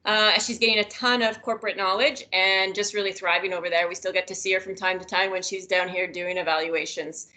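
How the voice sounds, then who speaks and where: A woman's voice: medium pitch, steady tone, fairly quick, few pauses, pushed and bright. A woman giving upbeat staff announcements on a work video call from home. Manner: upbeat, giggly after a mishap. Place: home office.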